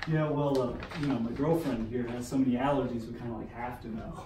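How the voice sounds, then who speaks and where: A man's voice: mid-range voice, fairly even intonation, quick pace, dark tone. A man reading his lines loosely at a casual rehearsal, often joking and laughing. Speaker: actor in a rehearsal. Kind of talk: casual rehearsal read-through. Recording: roomy, distant with faint noise.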